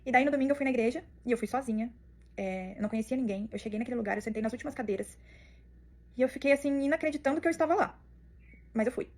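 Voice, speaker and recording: A woman's voice: on the high side, darkish tone. A young woman telling her personal faith testimony in an earnest, emotional way. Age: young adult. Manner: emotional, earnest, fast-flowing storytelling. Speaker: testimony speaker.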